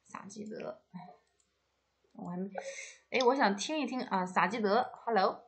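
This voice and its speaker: A woman's voice: mid-range voice, a little slow, noisy background. A woman teaching a Chinese language class over a video call, encouraging students and slipping English words into her prompts.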